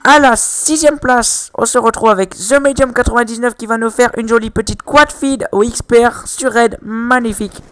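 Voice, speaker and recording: A young man putting on a mock Chinese accent to announce gaming highlights, slow and drawn-out. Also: steady tone, a bit bright, clear, resonant tone. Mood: hyped announcing. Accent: put-on Chinese accent over French. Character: excitable male game-clip commentator with a mock Chinese accent. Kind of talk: gameplay highlight commentary.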